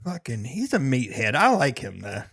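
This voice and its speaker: A man's voice: mid-range voice, very animated, moderate pace, vocal fry, fairly bright tone, slightly rough. A man co-hosting a casual sports podcast, laid-back and swearing, calling his friend bro and dude. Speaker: podcast co-host.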